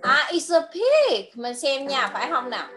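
A woman's voice: high-pitched, big pitch swings, normal speed. A young woman with a Southern Vietnamese accent teaches English to a small child on a video call, in simple repeated phrases as if reading to a toddler. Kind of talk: interactive children's lesson, coaxing guessing game. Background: music from a children's video.

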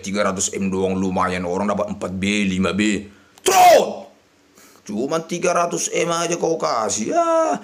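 A man, shouting and muttering over a slot game as he streams it. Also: fairly high pitch. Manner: shouting and chanting at the reels, swinging between yelling and mutters. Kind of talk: excited live slot-game commentary.

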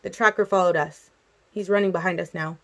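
A woman voicing a brooding, protective young male vampire in a storybook reading, speaking low and grave. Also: fairly even intonation, a little fast, close to an everyday voice. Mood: tense.

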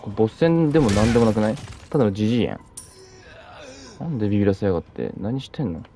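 A man giving casual, excitable commentary on a horror game he is playing, reacting loudly, joking to himself and mouthing silly sound effects. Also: fairly low pitch, very fast, background noise. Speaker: let's play commentator.

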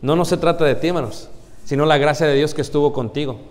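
A man preaching a sermon to a congregation, often pausing on rhetorical questions he answers himself. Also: fairly high pitch. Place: church congregation. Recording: long church hall reverb.

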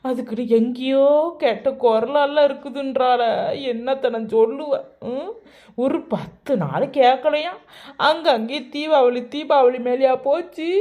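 Woman playing a wronged young woman in a cartoon, loud whiny pleading, kinda high voice. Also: dull audio. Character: aggrieved young village woman neighbor. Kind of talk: animated cartoon voice acting.

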